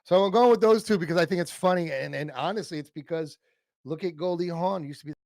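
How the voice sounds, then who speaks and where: A man's voice: sits high, fast talker, darkish tone, dry recording. A man co-hosting a casual fan podcast about an old TV show, rambling and self-interrupting, laughing often. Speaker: podcast co-host.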